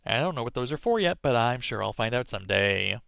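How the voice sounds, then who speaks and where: A man's voice: mid-range voice, big pitch swings, fast, creaky, a bit bright, no echo, studio quality. A man doing casual live game-stream commentary, chatting and thinking aloud as he plays. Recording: music behind the voice. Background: music.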